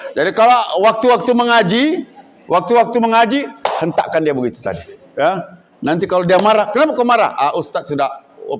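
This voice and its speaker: A man who leads an Indonesian boarding school, giving a religious lecture to students and acting out examples, at times loud, at times hushed. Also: high-pitched, slight background noise. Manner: animated, acts out examples, shifts between loud and hushed. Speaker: Islamic boarding school leader.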